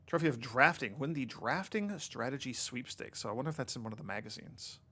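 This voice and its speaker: A sniffly, congested man plays through a game at home indoors, casually thinking aloud and reading the on-screen text. His medium-pitched voice is sharp in tone and slightly rough, moving at a normal speed.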